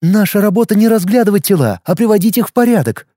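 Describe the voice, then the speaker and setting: A man voicing a sharp-tongued young woman who does makeup for the dead, talking in a snappy, indignant way. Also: sits high, expressive, fast talker, no echo, clean studio sound, voice pushed up.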